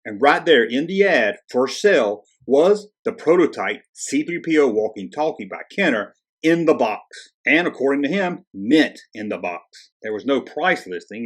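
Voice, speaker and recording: This video channel host has a rough, husky mid-range voice and talks in a relaxed, chatty way that suggests a loosely scripted read. Sarcastic quips and wisecracks keep popping up as he narrates.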